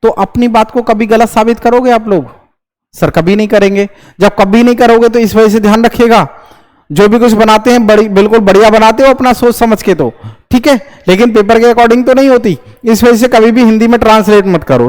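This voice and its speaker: A young man teaching English grammar in Hindi, lecturing to students and firing quick questions he answers himself. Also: extremely high pitch. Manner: lively, repeats checks like "understood?". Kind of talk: classroom lecture.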